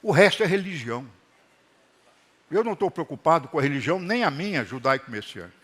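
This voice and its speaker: A middle-aged man preaching a sermon to his congregation in a church hall, animated and calling for responses. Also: a little high, fast. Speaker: pastor.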